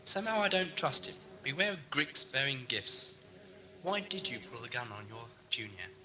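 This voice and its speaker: A man's voice: medium pitch, very animated, moderate pace, pushed and bright. A man playing an inquisitive, moralising time-travelling adventurer in a science fiction audio drama, with a wry, questioning, theatrical delivery. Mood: suspicious, defiant. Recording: faint hum and noise, amateur tape.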